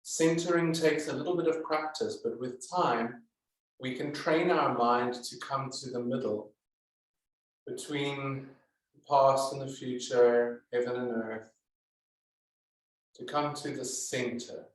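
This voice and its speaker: In an echoey, roomy recording, a man with a medium-pitched voice teaches yoga and guides meditation. He keeps a calm, deliberate pace broken by frequent pauses.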